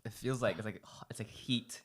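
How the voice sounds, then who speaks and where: A young man co-hosting a podcast, chatting casually with friends, excitable and laughing a lot. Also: lowish voice, normal speed, crowd noise. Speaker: podcast co-host. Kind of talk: casual chat among friends.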